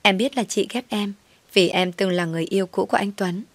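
A woman's voice: mid-range voice, fairly quick, dry recording, lightly acted. Woman doing a scheming fake-sweet young ex. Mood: feigned tears. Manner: mock-innocent, pleading.

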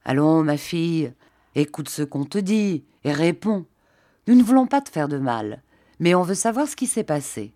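A woman's voice: deep voice, sing-song, moderate pace, mellow, no echo, clean studio sound. A woman voicing a stout, jovial older country priest who jokes and speaks in a fatherly way. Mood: coaxing. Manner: bantering, fatherly.

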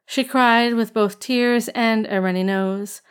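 A woman reads an audiobook in steady, measured narration. Her voice sits a touch on the higher side, even and unhurried. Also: smooth. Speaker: audiobook reader. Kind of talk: scripted narration.

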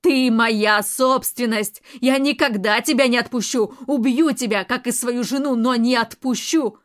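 A woman reading an audiobook, voicing a domineering, murderous militia colonel who speaks loudly and slowly in threats. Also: on the high side, lightly acted. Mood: furious, threatening. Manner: loud, slow, threatening and mocking.

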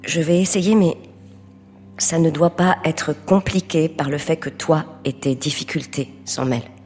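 A woman's voice: low voice, fairly even intonation, measured pace, darkish tone, in a large hall, faint music behind. An actress playing a guarded married woman who speaks in a controlled, reserved way, in a stage play. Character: guarded married woman, cool and self-protective.

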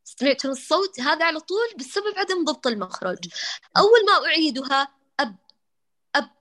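A woman's voice: sits high, sing-song, quick pace, sharp tone. A woman teaching tajweed in an online class, explaining pronunciation patiently and demonstrating letter sounds again and again, addressing her students affectionately. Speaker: Quran recitation teacher.

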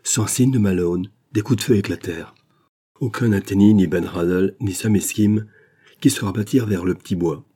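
A male audiobook narrator with a husky, dark voice, pitched somewhat low. He reads steadily and measuredly, in plain scripted narration. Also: normal speed.

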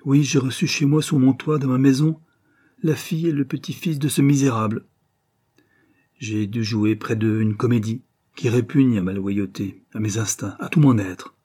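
A man's voice: medium pitch, steady tone, normal speed, warm tone, slightly rough, lightly acted. A man voicing a proud, grieving older countess, a mother torn over vengeance, in an impassioned declamatory reading. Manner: intense, emotional, declamatory. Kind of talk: audiobook reading.

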